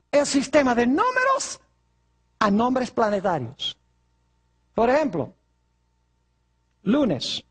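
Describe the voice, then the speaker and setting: A male pastor preaching a sermon, asking his congregation rhetorical questions. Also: very high-pitched.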